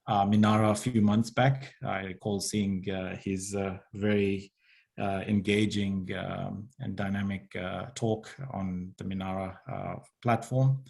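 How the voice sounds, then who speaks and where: A man's voice: fairly low pitch, creaky, a little mellow. A man presenting on a video call webinar, speaking hesitantly with many filler sounds. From South Africa. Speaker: webinar presenter, investment advisor. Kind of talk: online business webinar talk. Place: home or office in London, remote.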